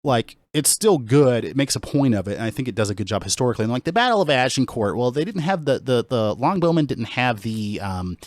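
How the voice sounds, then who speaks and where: A man's voice: medium pitch, big pitch swings, fairly quick, hardly any pauses, dry recording, clean studio sound. A man co-hosting a casual podcast, talking in an enthusiastic, rambling way with lots of restarts. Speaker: podcast co-host. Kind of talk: casual chat.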